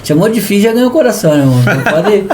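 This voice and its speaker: A Brazilian man with a Brazilian Portuguese accent, a podcast guest telling a testimony in a lively way, often calling the host "irmão" and acting out dialogue. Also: sits high, very fast, background noise. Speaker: podcast guest, business founder. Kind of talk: animated testimony storytelling.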